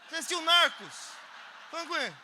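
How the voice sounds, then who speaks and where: A man from Brazil with a Brazilian Portuguese accent, preaching at a conference and telling stories in an animated way that bursts into shouts. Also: very high-pitched, fast talker, slight background noise. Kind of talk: conference sermon. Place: large conference hall. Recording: long reverb of a conference hall.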